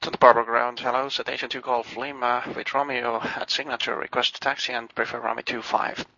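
Creaky, bright-edged male pilot on radio. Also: medium pitch, level tone, fairly quick, a little hiss or hum. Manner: courteous, procedural. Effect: aviation radio transmission. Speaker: business jet pilot. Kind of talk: radio requests and readbacks. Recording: dull band-limited dry radio.

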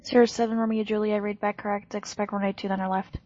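Even-toned woman working as air traffic controller. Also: mid-range voice, fast, dull audio. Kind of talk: clipped aviation phraseology.

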